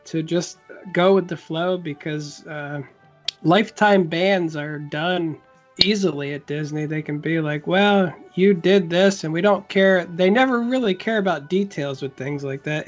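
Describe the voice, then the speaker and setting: High-pitched male podcast co-host, rambling storyteller, dull audio. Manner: rambling, animated storytelling with many restarts. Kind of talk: casual chat.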